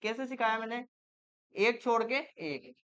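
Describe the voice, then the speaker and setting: A woman's voice: on the high side, fairly even intonation, unhurried, clean tone. A woman teacher, running a classroom reasoning lesson and quizzing her students with repeated questions. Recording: muffled lo-fi classroom recording.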